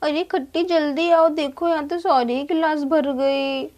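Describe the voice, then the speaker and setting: A woman with a high voice tells a doll play about a school class. She speaks the schoolgirls and the teacher in her own voice, switching straight from one to the next. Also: steady tone, unhurried, a little mellow. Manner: plays every child and the teacher herself in one voice. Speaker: doll-play narrator and voice of all characters. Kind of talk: Barbie doll story play.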